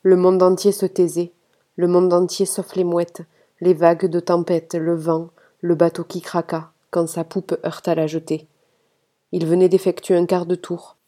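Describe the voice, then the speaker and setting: A woman reading a novel aloud in steady, measured audiobook narration. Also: on the low side. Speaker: reader of a novel.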